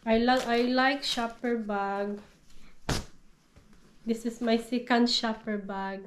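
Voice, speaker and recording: A woman in her thirties with a cold gushes over items she unboxes in her living room for a casual haul vlog. Her voice is on the high side and slow with fairly even intonation, and packaging crinkles amid slight background noise.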